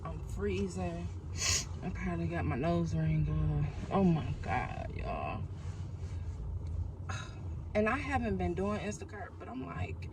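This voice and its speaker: A woman's voice: lowish voice, noisy background. A woman vlogging casually to camera, talking directly to her viewers in a chatty way. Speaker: mom vlogger. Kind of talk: casual vlog talk to camera.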